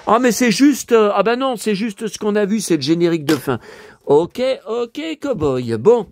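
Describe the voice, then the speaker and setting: A hoarse man in a casual vlog, talking to his viewers and muttering exclamations to himself as he browses through his purchases. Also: high-pitched, lively intonation, moderate pace, dry recording. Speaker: vlogger showing his purchases.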